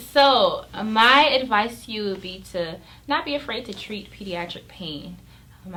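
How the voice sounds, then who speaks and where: A woman who is a pediatric emergency doctor, giving measured, earnest answers in an interview. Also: lowish voice, pushed and bright, a little hiss or hum, low-quality recording.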